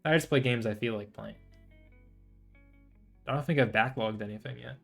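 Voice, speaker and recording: A man with a gravelly, slightly bright mid-range voice livestreams as a VTuber host, chatting casually and thinking aloud at a moderate pace. Background guitar music accompanies the stream.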